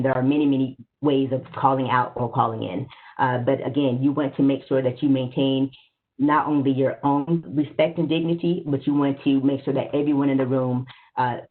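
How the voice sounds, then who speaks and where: A woman presenting a workshop on a webinar, speaking conversationally and often checking in with "right?". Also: extremely low pitch. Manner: conversational, asks for slides, frequent "right?". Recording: phone-like narrow audio.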